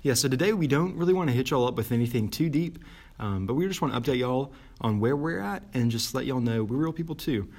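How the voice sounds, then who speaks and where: A man's voice: medium pitch, expressive, quick pace, a little mellow. A young man from Mississippi with a Southern accent, co-hosting a casual podcast in a joking, playful way and laughing often. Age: young adult. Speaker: podcast co-host. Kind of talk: casual chat.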